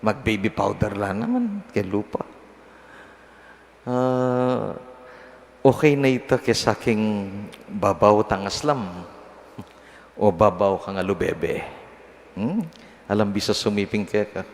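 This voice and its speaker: A man's voice: on the low side, animated, takes it slowly, creaky, long pauses. A middle-aged male priest from the Philippines giving a homily at Mass in a conversational, teasing way, chuckling at his own examples. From Pampanga, Philippines. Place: large church. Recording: long church reverb, faint noise.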